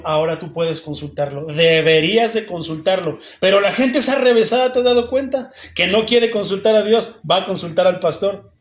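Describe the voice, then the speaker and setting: Pastor preaching in an echoey room. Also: male voice, a little high. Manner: conversational preaching, rhetorical questions, often addresses "hermano". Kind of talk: sermon.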